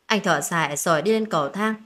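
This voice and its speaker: A woman's voice: fairly low pitch, quick pace, fairly bright tone. A woman telling a first-person family drama story in a dramatic reading style. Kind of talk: scripted narration.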